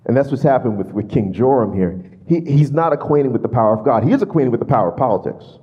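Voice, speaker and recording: A man preaching a sermon as pastor, in an animated manner, often adding "right?" to his points. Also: medium pitch, fast talker, muffled recording.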